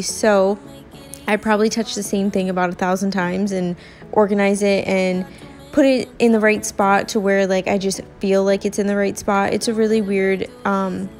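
A woman's voice: medium pitch, fairly even intonation, normal speed, darkish tone, soft background music. A young woman chatting casually as she narrates her home cleaning video, with lots of filler words. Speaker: cleaning vlogger.

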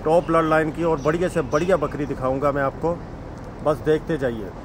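A goat farm seller from Himachal Pradesh walks around his farm outdoors, showing goats for sale and repeating the same pitch to viewers he calls friends. His voice is steady and brisk. Outdoor noise carries in the background.

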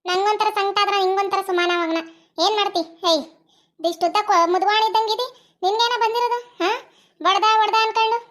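A woman voicing a bossy, quick-tempered young woman who scolds and mutters to herself. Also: very high voice, steady tone, fairly bright tone. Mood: scolding.

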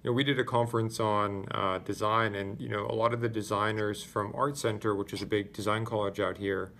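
A man with a somewhat low voice hosts a casual interview. He agrees readily and rambles through his points, packing them with "you know" and "uh". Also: level tone, a little fast, creaky, a bit bright, slight background noise. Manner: agreeable, rambling, many fillers.

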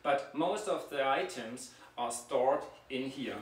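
This man, a dentist, leads a guided tour of his clinic's treatment and sterilization room, talking while he walks. His medium-pitched voice is animated, though he speaks slowly and haltingly, restarting often and using many fillers. The camera mic sits a few steps away, giving a roomy, distant recording with clear background noise.

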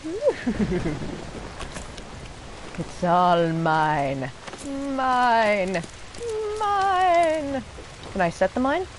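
This young woman streamer is very animated yet extremely slow, leaving long pauses in her mid-range voice. Her live game commentary is casual, profane, and sarcastically playful, with noisy video game ambience underneath.

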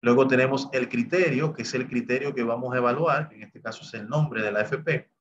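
A man's voice: mid-range voice, fairly quick, dull audio, a little hiss or hum. A man teaching a recorded spreadsheet class, explaining each step and often saying "bien" and "entonces" as he moves on. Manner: talks through each step of what the software does. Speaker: Excel instructor. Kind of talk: recorded screen-share lesson.

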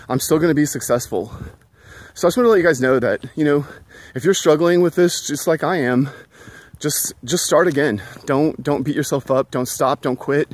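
A middle-aged man in a casual walking vlog, chatty and earnest, a little out of breath, filling his talk with "you know". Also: mid-range voice. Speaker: vlogger. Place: outdoors at a school.

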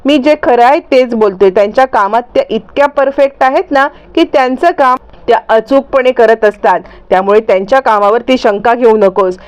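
An earnest young husband standing up for his wife, voiced by a woman narrator. He argues firmly. The voice is high and clear. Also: a little fast, a little mellow, lo-fi sound, natural voice. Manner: firm, earnest.

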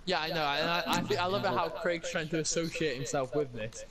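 A man's voice: on the high side, brisk, a loud crowd. A man bantering sarcastically in an online game party chat. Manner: sarcastic, laughs a lot.

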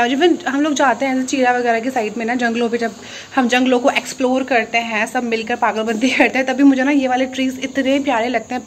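High-voiced chatty woman vlogger. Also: a little hiss or hum. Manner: chatty, talks quickly. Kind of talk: casual chat.

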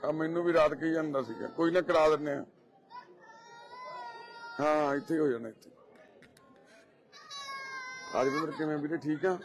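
A man with a Punjabi accent, gently reassuring visitors at a charity and giving them firm advice. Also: a little high, steady tone, normal speed, long pauses, soft background music. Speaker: head of a charity society, meeting visitors. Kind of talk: casual, comforting talk with visitors. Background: crowd chatter.

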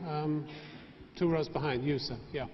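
A man moderating a televised debate, brisk and directing, picking speakers from the audience in a large studio hall. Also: on the high side, steady tone, slight background noise. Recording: dull recording in a large hall.

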